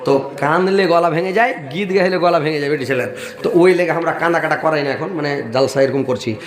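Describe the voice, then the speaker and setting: A male preacher giving a humorous sermon at a large outdoor gathering, teasing the audience and asking for donations over a loudspeaker. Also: fairly high pitch, fairly quick. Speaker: Islamic preacher. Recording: echoey public-address sound at a crowded gathering.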